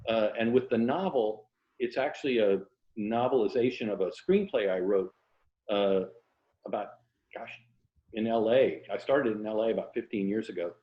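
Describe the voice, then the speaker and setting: In a fairly low voice at normal speed, a mature man from Tampa, Florida, reflects casually while being interviewed about his work as a writer and former journalist. The sound is muffled and echoes as if in a large room.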